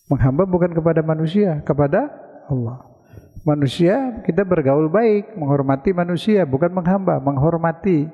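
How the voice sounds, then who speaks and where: An Indonesian preacher gives a conversational sermon in a large mosque hall, posing questions to his listeners and answering them himself. His voice is a little high and slightly rough, at a moderate pace. The recording is dull and lo-fi, with long hall reverb.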